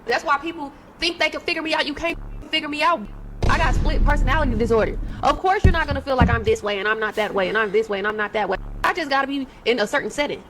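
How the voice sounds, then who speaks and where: A woman in a casual monologue talking about herself in a rambling, animated way and acting out lines. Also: high voice, fast talker.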